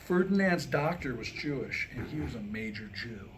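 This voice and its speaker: A writer with a mid-range, sing-song voice reads his own comedic script at a moderate pace during an indoor staged reading, with a few listeners reacting. He blends comic monologue and history storytelling in a wry, rhetorical style, over slight background noise.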